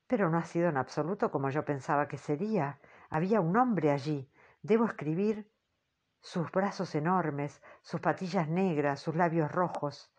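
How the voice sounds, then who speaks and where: A woman narrating an audiobook in the first person, in a measured, earnest storytelling manner. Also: low voice, a little mellow.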